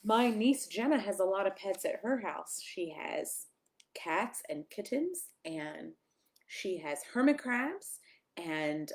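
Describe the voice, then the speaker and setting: Reading a picture book to kids at storytime, this woman speaks at a medium pitch in a lively, sing-song way. She leans on emphatic pauses and drops little asides to the audience.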